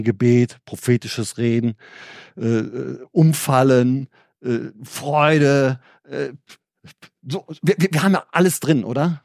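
A man preaching an informal sermon in a conversational way, with frequent restarts and tag questions, his pitch rising when he gets enthusiastic. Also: darkish tone, no room sound, studio quality.

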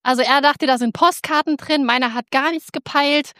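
A woman telling an audience a lively personal faith story, excitable and full of restarts. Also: high-pitched, moderate pace, no echo, studio quality. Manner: animated, excitable, with many restarts. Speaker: speaker giving a personal faith testimony.

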